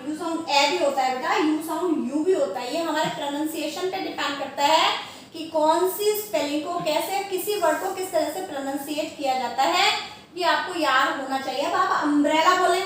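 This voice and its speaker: High-pitched Indian woman teaching children. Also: fairly bright tone. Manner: explains patiently, repeats questions to young pupils. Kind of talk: online grammar lesson for children. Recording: far from the mic in an echoey room, faint noise.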